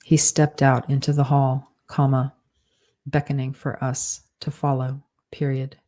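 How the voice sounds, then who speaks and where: An author slowly dictating a story, calling out every comma, period and quote mark and saying "undo" after slips. The voice stays flat and dark, with an unhurried, even pace. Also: medium pitch. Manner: says punctuation aloud and corrects with "undo". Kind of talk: slow dictation with spoken punctuation.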